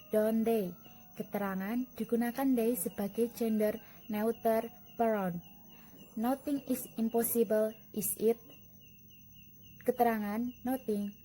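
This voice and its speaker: A woman presenting a lesson, reading slide text aloud in a steady way. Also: medium pitch, a little hiss or hum, low-quality recording. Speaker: student presenter.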